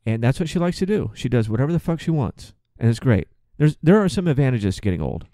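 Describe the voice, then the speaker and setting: A man's voice: mid-range voice, very animated, quick pace, warm tone, no echo, clean studio sound. A man around forty hosting a podcast, telling stories in a chatty, profane, comic way with frequent restarts. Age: 40s. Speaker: podcast host and flight attendant. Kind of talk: casual comic monologue.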